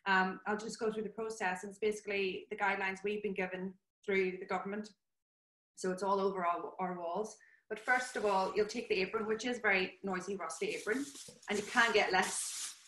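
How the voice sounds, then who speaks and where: A woman's voice: medium pitch, steady tone, fairly quick, a bit bright. A woman giving a practical, step-by-step spoken demonstration as a nurse. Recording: roomy, echoing sound.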